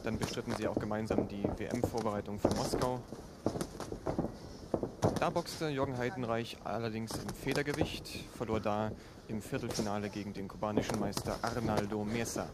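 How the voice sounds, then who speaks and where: A man giving live boxing commentary in a measured, explanatory way from inside a sports hall. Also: on the low side, steady tone. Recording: loud arena noise behind the commentary.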